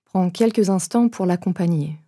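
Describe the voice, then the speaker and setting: Soft, mellow woman guiding a meditation. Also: lowish voice, slightly rough. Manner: unhurried, gentle instruction with pauses. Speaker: meditation guide. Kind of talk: guided meditation.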